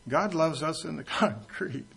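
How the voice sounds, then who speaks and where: A man's voice: fairly high pitch, measured pace, gravelly, fairly bright tone, soft background music. A man preaching a teaching sermon in a church, conversational and joking with the congregation as he tells stories. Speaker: pastor. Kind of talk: expository sermon with anecdotes.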